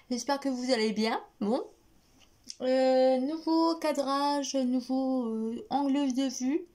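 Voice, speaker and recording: A woman's voice: high voice, slow pace, mellow. A woman chatting casually to camera as a book vlogger, hesitant and rambling, lisping from a newly fitted dental retainer. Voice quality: lisp from a recently fitted dental appliance. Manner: hesitant, rambling, often repeating words. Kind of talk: casual chat to camera, book review vlog.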